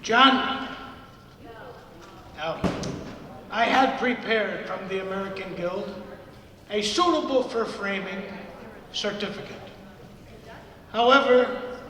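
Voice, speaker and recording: Slow, high, gravelly town crier man. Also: bright, forceful tone. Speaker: town crier presenting an honour. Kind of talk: town crier style public address. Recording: echoey reverberant hall, distant microphone.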